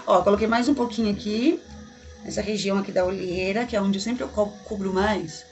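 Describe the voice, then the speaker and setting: A woman's voice: mid-range voice, steady tone, moderate pace, faint music behind. A woman from Brazil reviewing makeup on her home vlog, gushing and chatty, talking to viewers like friends, recorded in her bedroom. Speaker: beauty vlogger. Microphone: camera mic in a bedroom.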